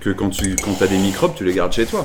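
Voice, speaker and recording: A man's voice: low voice, lively intonation, fast talker. A young man co-hosting a casual podcast among friends at home, playful and teasing as he runs the countdowns. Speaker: podcast co-host. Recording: noisy home recording.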